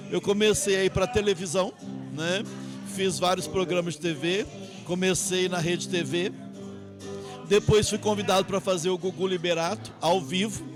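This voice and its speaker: A middle-aged Brazilian man, an artist guest, telling his life story in a rambling way, often ending phrases with tag questions. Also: high-pitched. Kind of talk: interview storytelling. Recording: music playing behind.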